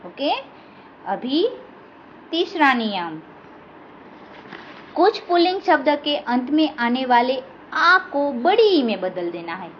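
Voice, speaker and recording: A woman teaching a grammar lesson, who repeats each rule and draws out the example words slowly and patiently. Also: sits high, very animated. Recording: dull lo-fi sound with faint background hiss.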